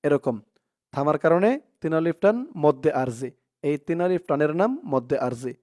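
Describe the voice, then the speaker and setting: A man teaching Quran reading, sounding out each syllable, chanting verses slowly and explaining pronunciation rules in between. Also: fairly high pitch, darkish tone. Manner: drawn-out chanted recitation alternating with quick explanations. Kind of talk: slow spelled-out Quran reading lesson.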